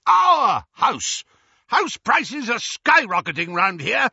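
A man voicing a blustering, paranoid middle-aged uncle who shouts and shrieks in a raised, strained voice. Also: huge pitch swings, a little slow, breathy edge, dry recording, muffled recording, heavily acted. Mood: shrieking. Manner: shouting, shrill when enraged.

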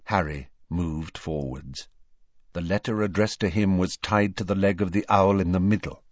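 A man giving a measured, deliberate storybook narration as an audiobook reader. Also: low voice, no echo, dull audio.

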